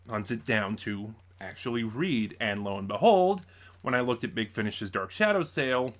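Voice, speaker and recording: Reviewing his audio drama purchases, a male vlogger unboxes them casually, rambling and frequently fixing what he's just said. His voice runs on the low side with a fairly bright tone.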